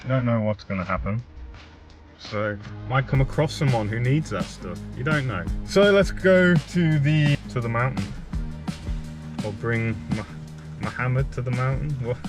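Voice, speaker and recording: A man's voice: medium pitch, normal speed, over music. A man talking casually as a vlogger, rambling a little, with wry, self-deprecating understatement. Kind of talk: casual chat to camera.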